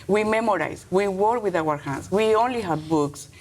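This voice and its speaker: A middle-aged Colombian woman, a native Spanish speaker, answers interview questions as a teacher. Her English is halting and earnest, with a Colombian accent and short, emphatic phrases. Her voice is mid-range and darkish, with a little hiss or hum.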